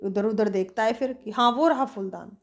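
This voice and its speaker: Woman teacher, story-reading lesson, expressive delivery, pitch a touch high. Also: normal speed.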